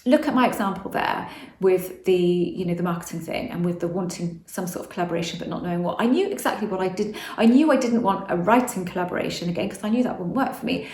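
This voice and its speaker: A woman's voice: lowish voice, fast, dark tone, roomy sound. A woman vlogging about manifestation in a casual, rambling monologue, often restarting and correcting herself.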